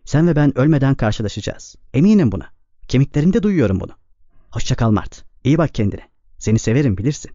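A man voicing a weary, hard-drinking male laundry worker who talks loud and defiant, read in a slightly dull, dry recording. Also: mid-range voice, sing-song, fast, dry recording. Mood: earnest. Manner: pleading, then loud and defiant.

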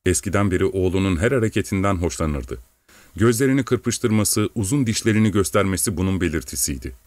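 Deep-voiced man reading an audiobook. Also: expressive, fairly quick, a little mellow, dry recording. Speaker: narrator.

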